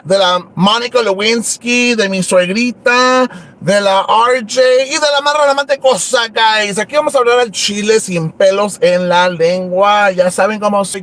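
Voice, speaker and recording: A man's voice: high voice, a bit bright. A man playing Rubí Moreno, a brassy gossip. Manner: switches between Spanish and English, crude, gossipy. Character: brash foul-mouthed gossiping woman livestream host. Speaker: host. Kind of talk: comedy livestream character.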